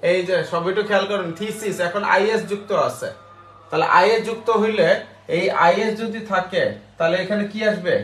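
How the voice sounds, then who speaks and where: A man teaching an online English grammar class, spelling words out slowly and checking with the class after each step. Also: high-pitched, fairly even intonation, a bit bright, soft background music. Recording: roomy echo.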